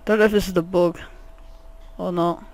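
A man's voice: high-pitched, level tone, moderate pace. A man giving rambling, jokey let's play commentary, swearing often. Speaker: gaming channel host.

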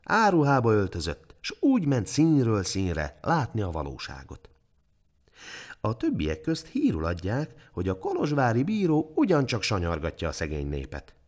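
Man, scripted storybook narration, old-fashioned folk-tale telling, low voice, lively rises and falls.

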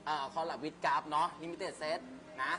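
A man's voice: a little high, little pitch movement, slow, bright, forceful tone, slight background noise. A man hosting a live stream in a playful, bantering way, full of exclamations. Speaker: live show host.

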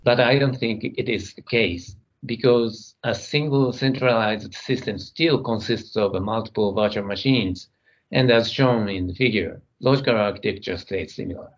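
A middle-aged man giving a technical conference keynote from his computer, speaking in a measured way as he talks through his slides. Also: lowish voice, highs cut off. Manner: measured, reading slides, some non-native grammar.

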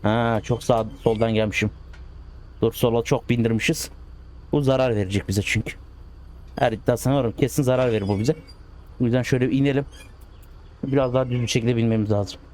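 A man giving casual, excitable commentary while playing a driving game, coaxing the cars along as if they were pets. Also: medium pitch, a little fast, long pauses. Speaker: gaming channel host.

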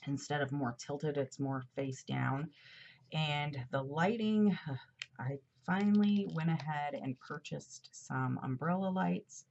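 Sitting at her indoor desk decorating a planner, a middle-aged vlogger rambles chattily with fillers and asides, slightly congested. Her voice is low, expressive, slow, gravelly and a little mellow. Captured by an overhead camera, the audio is muffled with a faint hiss or hum.

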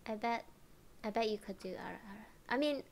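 A woman streamer chatting casually, giggling often and drifting into soft whispers. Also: medium pitch, normal speed, vocal fry, a little hiss or hum.

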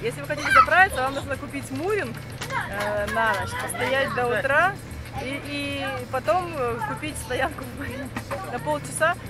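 A woman's voice: high voice, lively intonation, normal speed, a loud crowd. A woman in her thirties, a sailing vlogger, chatting upbeat to a handheld camera on the deck of a yacht, with hesitant fillers. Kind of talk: casual vlog narration. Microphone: action camera held at arm's length. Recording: loud music under the voice. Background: loud music.

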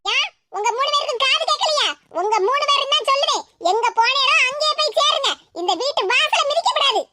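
A performer voicing a feisty, sharp-tongued older wife in a cartoon, with a squeaky, scolding manner and a southern Tamil Nadu accent. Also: a little fast, no room sound, studio quality. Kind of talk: cartoon voice acting. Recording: loud background noise.

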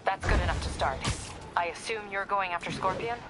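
A woman's voice: mid-range voice, fairly quick, lightly acted. An actress playing a dry, sardonic adult woman who checks in with a hero over game music.

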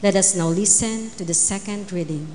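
A woman's voice: mid-range voice, normal speed, mellow. A middle-aged woman making scripted Mass announcements and responses at a microphone in a chapel. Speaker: Mass commentator leading responses. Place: chapel, indoors. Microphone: handheld-type microphone on a stand. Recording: chapel reverb, faint noise.

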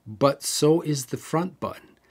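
His voice sits a little high and moves a little slowly, with a darkish, slightly rough tone. He's hosting a laid-back camera how-to, chatting his way through each setting step by step and digressing here and there.

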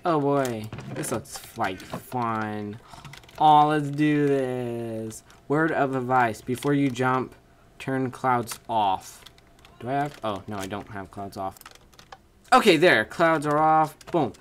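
Speaking slowly in a mid-range voice, a teen gaming creator narrates his play from home with excitement, reading signs aloud and yelping at his wins and deaths. He's losing his voice from all the shouting and squealing, and his desk mic and webcam setup picks up a little hiss or hum.

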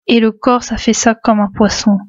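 A woman narrating a novel in a calm, measured storytelling manner. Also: fairly high pitch, no room sound, lo-fi sound. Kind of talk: audiobook narration.

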